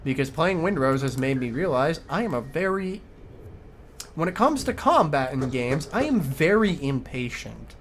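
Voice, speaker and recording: Here the same kind of Midwestern streamer sounds a little higher and very animated, moving at a moderate pace as he rambles, curses, and mutters to himself over his game. Slight background noise is audible.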